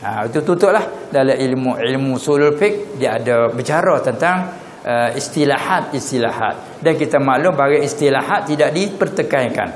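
A man's voice: mid-range voice, animated, a little hiss or hum. Patani Malay man lecturing in an echoey hall. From southern Thailand (Patani). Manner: questioning listeners, drawn-out Arabic terms. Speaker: religious teacher. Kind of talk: religious lecture.

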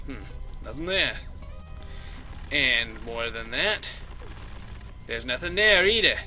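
A young man hosts a let's play, casually commenting on his game in a goofy, jokey way and talking to the on-screen characters. His voice is a little high with a sharp tone, and game music plays behind him.

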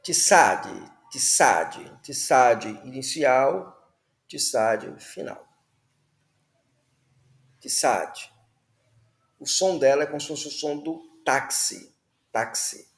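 A man's voice: medium pitch, animated, very slow, vocal fry, long pauses, echoey room. A man teaching the Hebrew alphabet, patiently repeating words and checking in with listeners. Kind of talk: slow classroom explanation.

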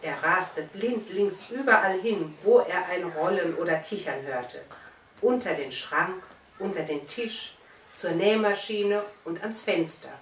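A woman reading a children's story aloud with lively, expressive storytelling. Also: on the low side, measured pace, slight background noise. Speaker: story reader. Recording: roomy, distant mic, faint background.

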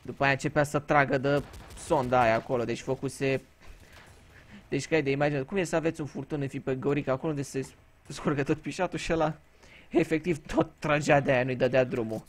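A man's voice: medium pitch, fairly even intonation. Guy from romania chatting over his shooter game, crude jokes and swearing, casual storytelling. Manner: crude, joking, swears freely. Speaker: gaming YouTuber. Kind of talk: casual gameplay commentary with storytelling.

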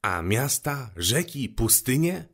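Guy putting on a higher voice for a curious little prince, storybook, lively lilt. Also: takes it slowly, husky, heavily acted. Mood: wondering. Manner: eager, wondering questions. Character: curious gentle young boy prince.

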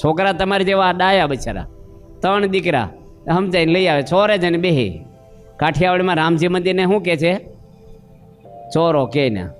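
A man's voice: high-pitched, expressive, normal speed, long pauses, soft background music. A man preaching a sermon, telling homely stories and questioning his listeners. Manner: storytelling with acted voices and questions to listeners.

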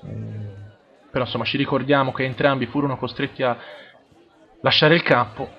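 A man with an Italian accent giving live football play-by-play, measured and halting, in short phrases. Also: mid-range voice, fairly even intonation, gravelly, muffled recording. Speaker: football match commentator. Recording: crowd noise behind the voice. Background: crowd at a football ground.

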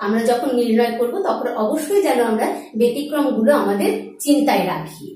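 A woman with a high voice teaches at a board, step by step, asking questions and then answering them herself. The room echoes strongly and her voice sits back from the mic. Her delivery is patient and classroom-like. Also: fairly quick, dark tone, recorded from a distance. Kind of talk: board lesson on Bengali pronunciation.

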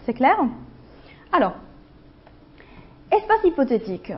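A fairly high-voiced woman explains concepts in a classroom, hesitant and full of fillers. She pauses often to ask whether her listeners follow. The recording sounds dull and lo-fi. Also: very animated. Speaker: presenter in a university linguistics class.

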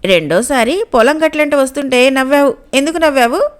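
A woman's voice: high-pitched, animated, fairly quick. A woman voicing a simple, demanding fisherman in a storybook reading, pressing his questions insistently. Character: simple, demanding male fisherman, grown man.

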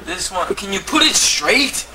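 In a high, sing-song voice, a man takes his time showing off his comic collection as if he were a TV presenter. The recording is an old VHS home video made indoors at home, its camcorder mic sitting across the room, leaving the tape hissy and distant.

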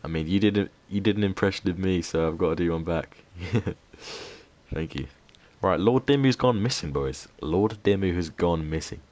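A man with a very low, deep voice chats with his viewers while he plays. He keeps his voice down, bantering and swearing casually. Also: normal speed. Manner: laid-back banter, heavy swearing; keeps voice down, hushed. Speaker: gaming streamer. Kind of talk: casual live-stream commentary.

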